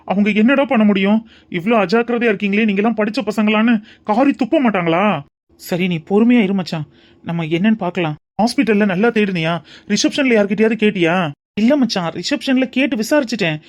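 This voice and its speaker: A man voicing fretting young cartoon friends, high voice. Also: lightly acted. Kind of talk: cartoon voice acting.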